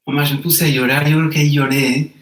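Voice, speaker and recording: A man's voice: on the high side, flat delivery, quick pace, fairly bright tone. A man, telling a personal story as an interview guest in an earnest, emotional manner with frequent repetitions. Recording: roomy echo.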